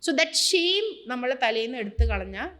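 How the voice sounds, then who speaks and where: Animated Malayali woman, higher voice. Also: unhurried. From Kerala, India. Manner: animated, emphatic, switching between languages. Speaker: guest. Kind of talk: casual podcast interview mixing Malayalam and English.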